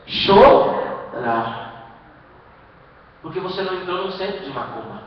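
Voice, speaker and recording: A man preaching a sermon as pastor, with a Brazilian Portuguese accent, emphatic, full of rhetorical questions and sudden loud bursts. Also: sits high, expressive, takes it slowly, dull audio, slight background noise. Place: church hall. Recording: echoey live-stream from far off in a hall.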